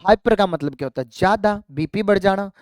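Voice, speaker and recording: Biology teacher for an exam-prep lecture: smooth, clear voice recorded dry and close, quizzes the class and drills key terms. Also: mid-range voice, a little fast, a little mellow, no echo. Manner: asks students rhetorical questions and answers them; calls students affectionately "child" and "dear kids".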